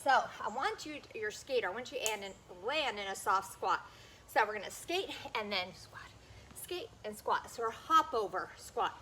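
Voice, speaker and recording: A woman's voice: medium pitch, animated, normal speed, bright, forceful tone, slight background noise, rough recording. A woman leading a workout as a fitness instructor, energetically calling out cues and counts.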